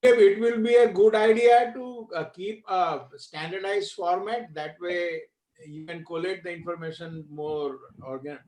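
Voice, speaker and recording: A man's voice: high voice, steady tone, measured pace, darkish tone. An older man on a reunion video call, earnest and eager to agree, who talks about visiting his daughter. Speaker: reunion attendee. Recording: roomy video call audio.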